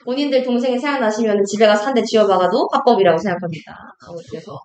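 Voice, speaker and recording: A woman tutoring a class in Korean literature, lecturing briskly and acting out characters' lines as she explains, with questions to her students. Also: mid-range voice. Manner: lively, acts out characters' lines in quotes, asks students questions. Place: classroom at a cram school. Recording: echoey classroom, faint noise.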